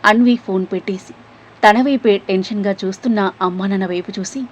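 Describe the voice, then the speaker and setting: A woman narrates an emotional serialized story with a breathy, airy tone. She carries the plot along and slips into the characters' lines as she goes. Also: mid-range voice, fairly quick, dull audio. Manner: voices the characters' quoted lines herself.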